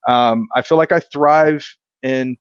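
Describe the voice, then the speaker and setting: An earnest man talks as a guest on a casual podcast. He is reflective and deliberate. The recording sounds a bit dull and dry. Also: mid-range voice, smooth, dry recording. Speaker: podcast guest, insurance agent. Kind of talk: casual chat.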